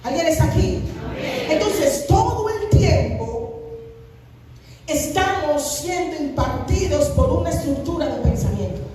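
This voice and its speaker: Predicadora de voz aguda en una sala con eco. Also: female voice, sits high, animated, a little slow, a crowd in the background. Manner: emphatic preaching, breaks into sung phrases. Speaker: pastor. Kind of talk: sermon. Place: church hall. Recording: echoey hall, mic at a distance.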